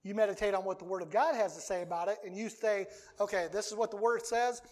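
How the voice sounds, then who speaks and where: An emphatic preacher in mid-sermon, reading scripture passages aloud. The delivery leans on repetition, circling back to the same phrases to press each point home. The voice sits at an ordinary middle pitch. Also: fairly even intonation, fast.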